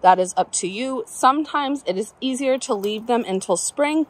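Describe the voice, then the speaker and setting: A southern Alabama garden vlogger speaks in a voice on the high side, animated and moderately paced, while strolling outdoors. She talks casually and cheerfully into a phone at arm's length, adding folksy asides. The background carries faint outdoor ambience and helicopters going by.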